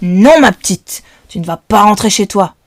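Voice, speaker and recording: A woman's voice: mid-range voice, animated, normal speed, no echo, clean studio sound, lightly acted. A woman doing a menacing male kidnapper. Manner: menacing, domineering. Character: gruff threatening adult male kidnapper.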